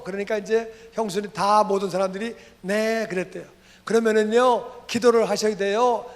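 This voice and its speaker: A middle-aged male pastor preaching a revival sermon, telling family stories and acting out the dialogue with lively energy. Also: high voice. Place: church sanctuary. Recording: long church reverb.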